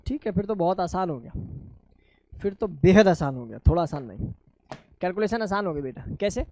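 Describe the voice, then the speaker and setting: A man teaching a chemistry lesson, asking his students questions and answering them himself in a lower voice, calling them children. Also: lively intonation, a little fast, warm tone, a little hiss or hum. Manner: addresses students affectionately as children. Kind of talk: classroom lecture.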